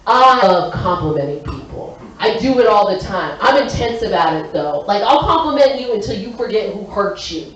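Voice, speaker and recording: A woman's voice: mid-range voice, distant mic, a little hiss or hum. Brash woman doing stand-up, echoey room. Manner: brash, excitable, shouts punchlines. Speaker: stand-up comedian. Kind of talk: stand-up set. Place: comedy stage in a hotel venue.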